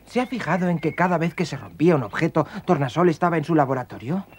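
Earnest young cartoon adventurer. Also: male voice, on the high side, lively intonation, quick pace, slightly rough. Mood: thoughtful. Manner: earnest, inquisitive.

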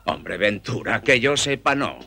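An actor playing a fussy male boarder who earnestly pleads his innocence, with a husky voice. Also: on the low side, animated, unhurried, pushed and bright, heavily acted. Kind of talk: film dialogue.

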